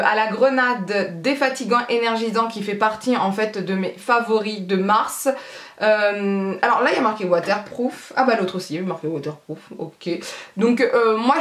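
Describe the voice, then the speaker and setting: A woman's voice: mid-range voice, reverberant. A woman beauty vlogger in casual haul chat, chatty and rambling with a self-mocking humor.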